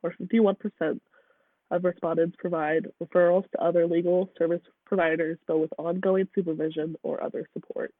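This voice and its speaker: A high-pitched man hosts a casual discussion, with plenty of "like" and "um" in his speech. His voice comes through thin and phone-like, dry with no room sound. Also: level tone, a little fast, no room sound. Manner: casual, uses many fillers like "um" and "like". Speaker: podcast host.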